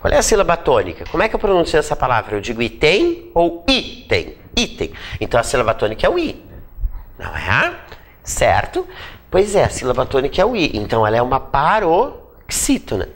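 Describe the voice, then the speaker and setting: A man's voice: mid-range voice, huge pitch swings, fairly quick. A man with a Brazilian Portuguese accent teaching a grammar lesson, repeating points and checking in with short tag questions.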